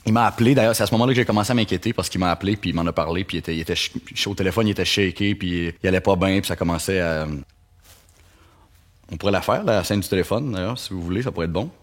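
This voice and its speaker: A man's voice: low voice, racing. A man with a Quebec French accent, chatting in a meandering way as an interviewee in a mockumentary. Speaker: interviewee, friend.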